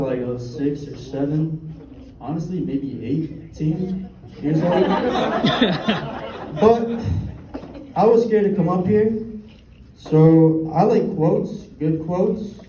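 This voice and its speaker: A young man performs stand-up, his voice dark and mellow and a little higher than most. He delivers dry, halting lines with deadpan punchlines. The sound is roomy and distant, with a faint hum of ambience behind him. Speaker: stand-up comedian. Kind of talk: stand-up set.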